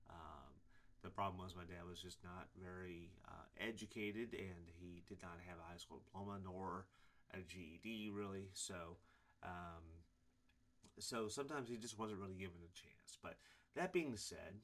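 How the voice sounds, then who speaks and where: Casting: man in his 40s, deep voice, preacher telling his own story, loose and rambling, lots of ums. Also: moderate pace, fairly bright tone. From Illinois, USA. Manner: rambling, many fillers and restarts. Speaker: preacher giving his testimony. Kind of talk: casual personal testimony to camera.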